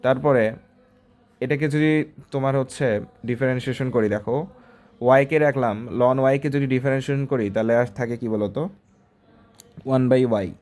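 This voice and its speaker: A man's voice: medium pitch, fairly even intonation, fairly quick, pauses often, a little mellow. A male math tutor walking through exam problems step by step, talking in a conversational way and often asking the student short checking questions.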